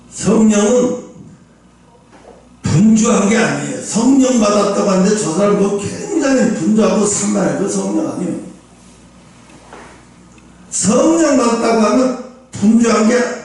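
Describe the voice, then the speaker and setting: High-pitched guy preaching in church, big echo, mic kinda far off, keeps throwing questions at the crowd. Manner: animated preaching, swings from loud bursts to low asides; speaks directly to the congregation with rhetorical questions. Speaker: pastor. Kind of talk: sermon. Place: church sanctuary. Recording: echoey church hall, mic at a distance.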